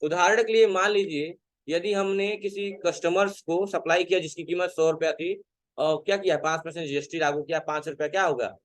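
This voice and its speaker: High-voiced man teaching a class. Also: fairly quick. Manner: asks students questions and answers them himself. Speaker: computer teacher. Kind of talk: classroom lecture.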